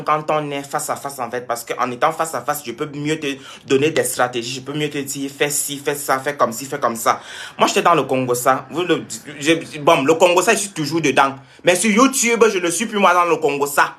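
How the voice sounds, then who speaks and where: A man's voice: a little high, pushed and bright. A young man from Cameroon, talking to his viewers on a live stream, answering comments and repeating points for emphasis. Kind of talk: casual live-stream talk.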